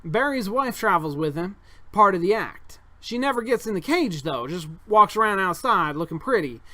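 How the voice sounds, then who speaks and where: A man's voice: sits high, sing-song, slow pace, bright, forceful tone, voice pushed up, heavily acted. A man reading a board game aloud, voicing a boastful middle-aged male circus owner in a folksy, bragging put-on accent.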